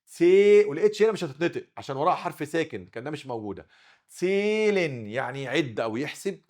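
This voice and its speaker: Egyptian male language teacher, rapid lesson delivery with drilled repetitions. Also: fairly high pitch, sing-song. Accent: Egyptian Arabic. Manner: drills pronunciation, repeating words with sharp stresses. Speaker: German teacher. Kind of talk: recorded classroom lesson.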